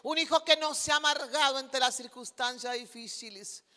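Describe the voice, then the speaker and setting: A woman's voice: sits high, moderate pace, sharp tone, in a large hall. A woman pastor preaching a fervent sermon, repeatedly addressing the congregation as brothers, in a church.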